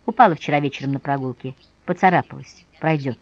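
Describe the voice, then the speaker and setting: A woman voicing a weary, bitter young noblewoman who speaks low and listlessly. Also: fast talker, dull audio.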